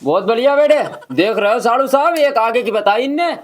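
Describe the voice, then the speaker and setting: A man's voice: extremely high pitch, lively intonation, moderate pace, a little hiss or hum. A man playing a foul-mouthed, boastful uncle who teases crudely. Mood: mocking. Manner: mocking, crude, theatrical scolding. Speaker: comedy sketch actor.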